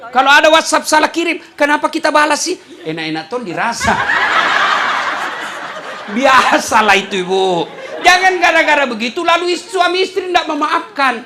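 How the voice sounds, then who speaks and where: A man preaching a humorous sermon, acting out dialogues and swinging between shouting and soft asides. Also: very high-pitched, sing-song, normal speed. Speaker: Islamic preacher. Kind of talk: lively sermon to a crowd. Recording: crowd and faint noise behind.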